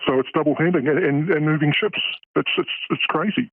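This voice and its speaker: A man's voice: a little high, dry recording. Disguised-voice middle-aged New man. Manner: halting, with many fillers and restarts. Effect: voice disguised to hide identity. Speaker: port worker interviewee. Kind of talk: radio news interview. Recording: tinny phone-like line.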